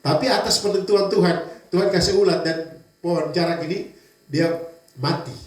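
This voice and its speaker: A male pastor preaching a sermon in a lively way, throwing out rhetorical questions to the congregation. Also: high-pitched, normal speed. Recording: echoey church hall from far off.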